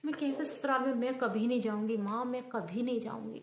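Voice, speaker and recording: Lady doing a whiny spoiled young wife, high pitched, sulky, echoey room. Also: brisk, a little mellow, slight background noise, lightly acted. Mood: tearful whining. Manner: complaining, sulky. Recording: roomy echo.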